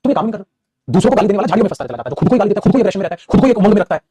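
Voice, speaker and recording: A man's voice: sits high, big pitch swings, rapid-fire, background noise. A man teaching English grammar in a live online class, scolding and motivating his students by turns.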